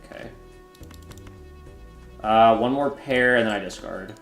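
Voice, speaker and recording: A twentysomething streamer chats casually and jokes with his viewers as he works through a card game. His lowish voice moves at a measured pace, and the recording has an echoey room sound with faint music behind.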